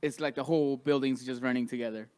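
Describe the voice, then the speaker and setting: A man's voice: medium pitch, steady tone, fast, darkish tone, clean tone, no echo. A man chatting casually as a co-host on a podcast. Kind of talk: casual chat.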